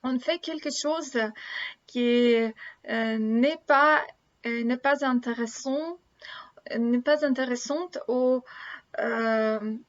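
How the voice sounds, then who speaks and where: A woman in her thirties from Russia, a native Russian speaker with a Russian accent, talks casually to camera in learner French, haltingly searching for words. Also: a little high. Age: 30s. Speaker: language-learning vlogger. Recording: dull lo-fi sound.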